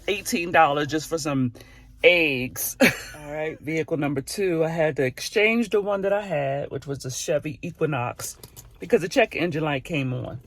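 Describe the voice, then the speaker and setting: A man in his fifties from the United States, vlogging casually about his travels in an unhurried, chatty way and repeating his exclamations. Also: high-pitched, no echo. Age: 50s. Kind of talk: casual travel vlog talk. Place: inside a car on a road trip. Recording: steady car and road noise behind.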